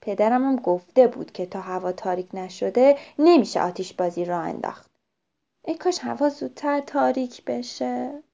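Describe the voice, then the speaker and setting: An eager little boy from a storybook, talking high and lively, as a woman puts him on. The sound is dull and lo-fi. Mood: disappointed. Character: excited little boy who loves fireworks. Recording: dull lo-fi recording.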